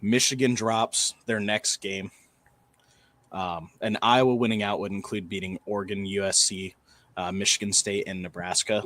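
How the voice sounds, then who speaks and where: Lowish male sports talk co-host. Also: steady tone, normal speed, a bit bright.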